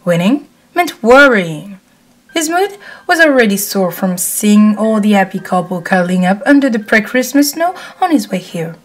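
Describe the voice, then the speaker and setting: A woman reading fanfiction aloud as storybook narration, at a calm, steady pace. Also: mid-range voice, normal speed. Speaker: fanfiction reader.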